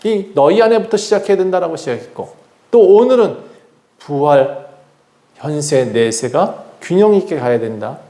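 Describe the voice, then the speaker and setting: In his church sanctuary, a pastor delivers a sermon with earnest conviction, acting out the voices of the people he quotes. His voice is mellow and medium in pitch, and the room is echoey.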